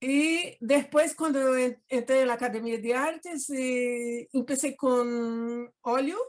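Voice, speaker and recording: Over a video call, an older Brazilian woman appears as a guest artist in an easygoing interview, speaking expressive, Portuguese-accented Spanish full of tag questions. Her high voice is a little mellow, and she takes it slowly.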